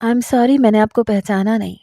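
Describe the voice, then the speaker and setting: A woman's voice: mid-range voice, steady tone, gravelly, warm tone, dry recording, studio quality, close to an everyday voice. A woman voicing a confident, bold, modern young woman in a romantic audio story. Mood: friendly. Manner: confident, forward, quick to take offence. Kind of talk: storybook narration.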